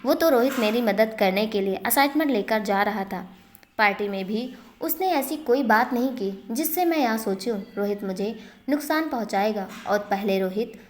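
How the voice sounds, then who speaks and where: Brief: woman narrator doing a soft-spoken, reassuring young husband. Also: fairly high pitch, expressive, normal speed, slight background noise, natural voice. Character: young husband, calm and trusting.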